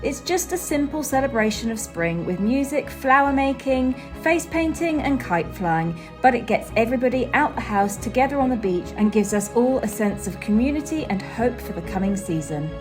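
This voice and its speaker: A woman narrates her vlog in a calm, reflective scripted voice-over. Her voice sits a little high, and clear background music runs beneath it throughout. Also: moderate pace, few pauses. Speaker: vlogger.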